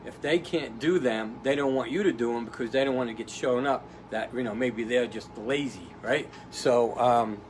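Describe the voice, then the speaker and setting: A man's voice: mid-range voice, moderate pace, few pauses, slight background noise, rough recording. A man giving a casual motivational talk, rambling and tough-talking, often checking in with "right?". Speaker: motivational speaker.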